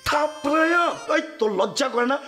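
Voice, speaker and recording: A man's voice: extremely high pitch, fairly quick, pushed and bright, faint music behind. An actor playing an indignant older brother in a TV drama, scolding and lecturing his sibling. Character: older brother, young adult man, indignant and bossy. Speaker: elder brother. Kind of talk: Bangla TV drama acting.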